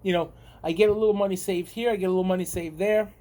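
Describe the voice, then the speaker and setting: Man, New York accent, casual vlog chat, rambling, repeats himself, high-pitched. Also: steady tone, fast talker, warm tone. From United States. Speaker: vlogger. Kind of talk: casual talk to camera.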